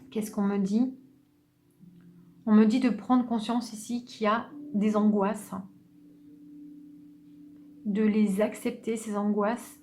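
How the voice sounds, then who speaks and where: A woman giving an unscripted tarot reading, speaking gently and hesitantly, with many restarts. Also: medium pitch, slight background noise. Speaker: tarot reader.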